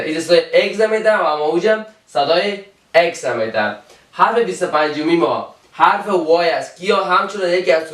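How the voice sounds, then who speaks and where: Male teacher with an Afghan Dari accent, slightly high, patient and repetitive, mic set back in an echoey room. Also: fairly bright tone. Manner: slow, repeats each example word. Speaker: English teacher. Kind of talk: alphabet pronunciation lesson. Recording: roomy, from a distance.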